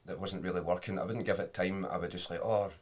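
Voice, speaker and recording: A man's voice: low-pitched, steady tone, quick pace. A man in his thirties with a West Lothian Scottish accent, chatting in an informal, rambling way as an interview guest. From Scotland. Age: 30s. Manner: informal, rambling, often adds "you know". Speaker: podcast guest, drummer. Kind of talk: casual chat.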